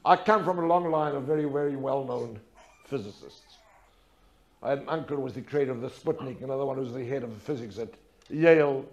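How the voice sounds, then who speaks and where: A man with a medium-pitched voice talks fairly quickly over dull audio. Lecturing an audience, this older speaker relates a personal story in a dramatic, emphatic way, using repetition and rhetorical questions.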